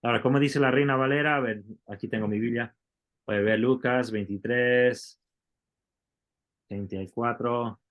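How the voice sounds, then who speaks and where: A man's voice: mid-range voice, steady tone, normal speed, a bit bright. A man teaching a Bible Greek class, explaining step by step and asking the students questions. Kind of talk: classroom lecture.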